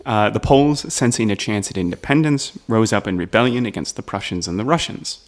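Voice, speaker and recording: A man's voice: on the low side, a little fast. A man telling a history story on a comedy podcast, casual, often checking in with "right?". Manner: explains with "right?" asides, laughs at the jokes.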